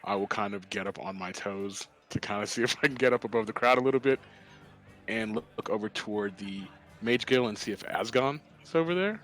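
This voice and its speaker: A man's voice: on the low side, brisk, fairly bright tone, faint music behind, poor audio. A man playing a tabletop game, talking casually with many fillers. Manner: casual, fumbling, filler-heavy. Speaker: player.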